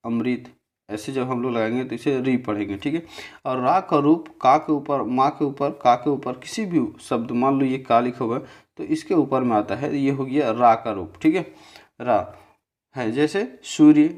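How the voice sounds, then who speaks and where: A man teaches a grammar lesson over a slide, explaining step by step and often checking in with listeners by saying "theek hai." He is slow and repetitive, spells out syllables slowly, and has a medium-pitched, slightly mellow voice.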